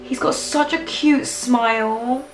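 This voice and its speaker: A woman's voice: a little high, fairly even intonation, slow pace, echoey room, music in the background. A woman vlogger chatting casually as she reacts to a video, bubbly and gushing, laughing often.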